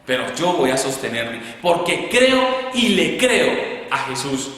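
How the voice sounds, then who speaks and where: A man with a Colombian Spanish accent giving an emphatic catechesis talk, acting out quoted voices with rising pitch. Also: very animated, takes it slowly, a bit bright. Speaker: preacher. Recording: echoey hall reverb.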